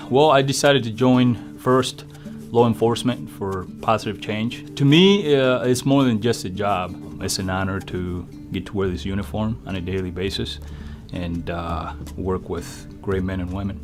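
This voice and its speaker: Trooper from Cuba, lowish voice, sincere and hesitant, music behind him. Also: male voice, moderate pace. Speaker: state trooper. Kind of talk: interview testimony. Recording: music bed underneath.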